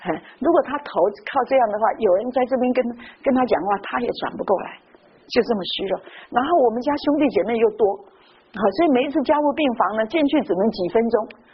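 A woman's voice: a little high, fast talker, breathy edge. A middle-aged woman from Taiwan, preaching a sermon full of personal stories and tagging her phrases with little "ha"s. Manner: lively, tags phrases with "ha". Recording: dull lo-fi with faint hiss.

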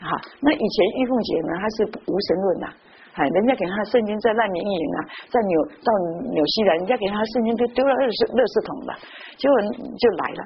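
A woman preaching a sermon, telling personal stories in a lively way full of interjections. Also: mid-range voice, rapid-fire, slightly rough. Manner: lively storytelling with frequent interjections. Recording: muffled lo-fi recording with faint noise.

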